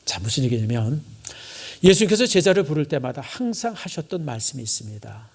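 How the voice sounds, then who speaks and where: A middle-aged man preaching a sermon as pastor, acting out dialogue and dropping between loud lines and hushed ones. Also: fairly high pitch, very animated, a little fast. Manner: acts out biblical dialogue and swings between loud and hushed delivery.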